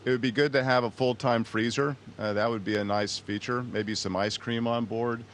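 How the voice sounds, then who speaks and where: A man's voice: medium pitch, fairly even intonation, normal speed. A man giving casual interview answers as an astronaut aboard a space station. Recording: noisy space station downlink.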